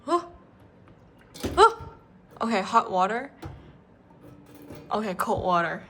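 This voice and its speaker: On a handheld phone, a young travel vlogger casually tours a budget hotel's room and entrance, speaking slowly in a mid-range voice. She's chatty and excitable, full of giggles and "like"s, while the echoey room picks up loud background noise.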